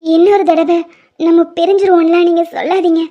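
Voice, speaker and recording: Tender young woman in love, soft and pleading, very high voice, played by a woman for a cartoon. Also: little pitch movement, a little fast, lo-fi sound. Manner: soft pleading tearful delivery. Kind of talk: animated story voice acting.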